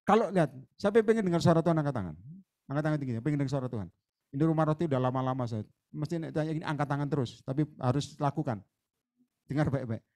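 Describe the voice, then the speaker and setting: A guest preacher gives a lively, chatty sermon in a church hall, racing along. He swings between loud bursts and quiet asides and acts out conversations with church members.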